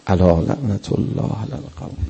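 A man's voice: low voice, expressive, vocal fry, highs cut off, very noisy. A male preacher delivering a mourning sermon, telling the story with emotion and acting out the quotes.

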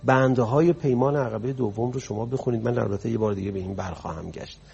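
A man's voice: medium pitch, gravelly, dark tone, breathy edge, lo-fi sound. A man preaching a sermon, telling stories in a conversational way that rises to impassioned emphasis. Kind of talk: storytelling sermon.

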